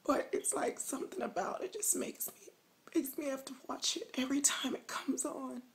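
A woman playing a sobbing, overwhelmed woman in a mock confession to camera, with snotty crying, halting whimpers and a voice breaking into whispers. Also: high voice. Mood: tearful, struggling. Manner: halting, whimpering, broken phrases. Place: small room indoors. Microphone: phone or webcam at arm's length.

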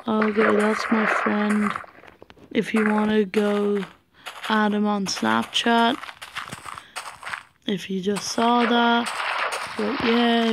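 A tired teenage girl from Ireland, rambling through casual gameplay commentary with mumbled asides and sing-song chanting. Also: medium pitch. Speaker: gamer. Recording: noisy home recording with clicks.

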